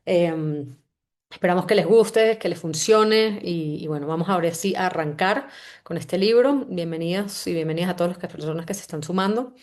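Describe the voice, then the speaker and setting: A Venezuelan-accented woman with a lowish voice opens an online session as its host. She speaks in a relaxed, conversational way, welcomes people, and often loops back to restart a phrase as she goes. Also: moderate pace. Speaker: host and company CEO. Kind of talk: live online book-summary session.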